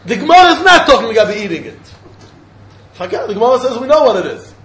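Male Talmud teacher, Yiddish accent, very high voice, insistent and repetitive, recorded in an echoey room with faint noise. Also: sing-song, fast, fairly bright tone. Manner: insistent, repeats phrases. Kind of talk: informal religious lesson, explaining and questioning.

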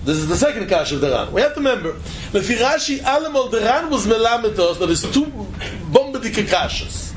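A man's voice: high-pitched, very animated, fairly quick, slight background noise, rough recording. A man with lecturing informally as a Talmud teacher, asking rhetorical questions and repeating phrases for emphasis.

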